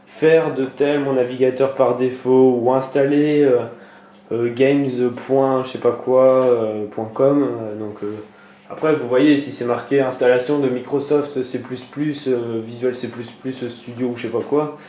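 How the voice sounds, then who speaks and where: A man's voice: mid-range voice, steady tone, measured pace, dark tone. A man talking through a computer tutorial as he works on screen, hesitant and full of fillers and restarts. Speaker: tutorial maker. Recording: echoey room with faint noise.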